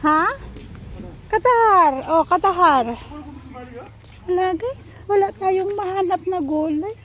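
A woman's voice: very high voice, slow, fairly bright tone. A woman chatting to her viewers in a casual vlog while walking outdoors and gathering vegetables. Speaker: vlogger. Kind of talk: casual cooking and garden vlog.

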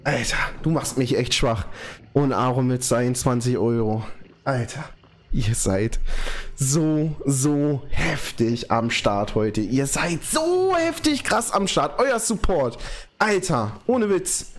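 A young man streaming from home, overjoyed and slangy, his voice trembling with excitement. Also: medium pitch, slow. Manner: overjoyed, slangy, constant exclamations. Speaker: live streamer. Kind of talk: excited live stream reaction. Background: music.

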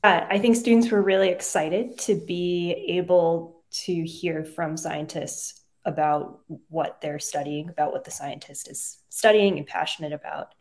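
Earnest young woman teacher, slightly low voice. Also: a little mellow. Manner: earnest, measured, frequent "um" pauses. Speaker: middle school science teacher. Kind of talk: testimonial interview answers. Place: home room with plain wall. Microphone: video call webcam.

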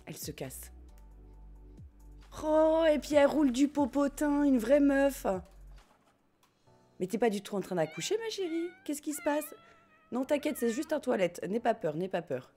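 Giggly french lady streaming her game, chats w viewers, swears a bit, higher voice, soft game music behind. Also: sing-song, normal speed, pauses often. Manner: chatty, giggly, swears casually, talks to chat. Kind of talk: casual live-stream chat while gaming.

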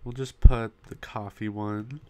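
Here a web design tutorial host speaks in a lowish, dark, clear and resonant voice with a steady tone, even though he is losing it. He casually walks through building a website step by step in a screen recording, pausing often and coughing now and then into a desktop mic that pops.

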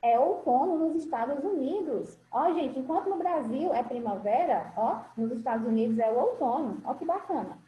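Over a video call, a woman teaches young children English in a high-pitched, expressive voice at normal speed, barely pausing. She's a patient, affectionate primary teacher who often says "my love" and checks everyone is following. Phone-quality, roomy audio with faint ambience.

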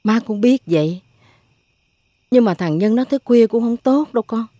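A woman's voice: a little high, expressive, moderate pace, mellow, no room sound. An actress playing a worried, superstitious older mother with a Southern Vietnamese accent, talking in a fretful, pleading way. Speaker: family matriarch.

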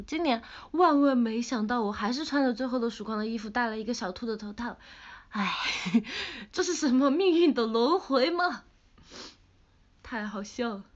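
A woman's voice: fairly high pitch, a bit bright. Young woman, Sichuan-accented Mandarin, idol livestreamer, chatty and teasing, slightly muffled phone audio. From Sichuan, China. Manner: playful, pouty, chatty, laughs often. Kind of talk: casual livestream chat reading comments. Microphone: phone camera.

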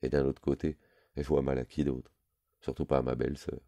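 A drunk, heartbroken aging Frenchman who murmurs in a subdued, very low and dark voice, as the man reading the book puts him on. The sound is close and dry, with no room around it. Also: flat delivery, a little fast, creaky, no room sound. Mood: dazed.

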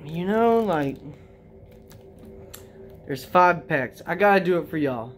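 A casual vlogger opening trading card packs, talking to viewers directly in an excitable, slangy way. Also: mid-range voice, slow pace, faint music behind. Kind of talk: casual unboxing chat.

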